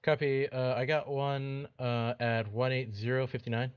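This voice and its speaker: Male pilot, radio calls through a muffled mask-like mic, clipped and hesitant, smooth mid voice, dull lo-fi line. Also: medium pitch, little pitch movement, normal speed, no room sound. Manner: brief, with hesitant fillers. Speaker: flight sim pilot.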